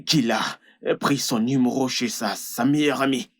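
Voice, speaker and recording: A man's voice: medium pitch, normal speed, natural voice. A man dubbing a jealous, hot-tempered husband who talks in an accusing, insistent way. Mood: upset. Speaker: dubbing actor. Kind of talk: French film dub.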